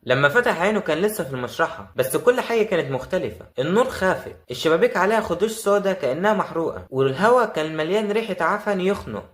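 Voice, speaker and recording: Man, Egyptian Arabic accent, dramatic horror narration, suspenseful, very fast, echoey room. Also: high voice, lively intonation. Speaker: horror storyteller.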